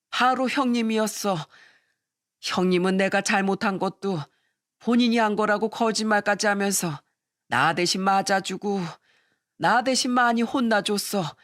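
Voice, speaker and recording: A woman's voice: mid-range voice, no echo, clean studio sound, close to an everyday voice. A woman reading the part of a remorseful man in his sixties, talking in an emotional, pleading way, for an audio story.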